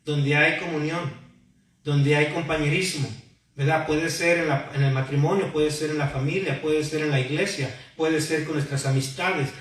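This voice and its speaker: A man's voice: on the high side, steady tone, moderate pace, a bit bright. A male preaching a sermon, asking the congregation questions and prompting their replies. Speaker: pastor. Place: church hall. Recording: very echoey hall, mic far off.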